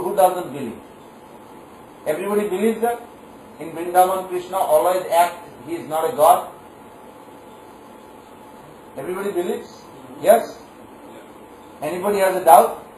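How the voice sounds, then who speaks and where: A man's voice: high-pitched, a little mellow. A man preaching a devotional sermon to a live audience, often quizzing the listeners with questions. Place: large gathering hall. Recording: echoey hall, distant mic, faint noise.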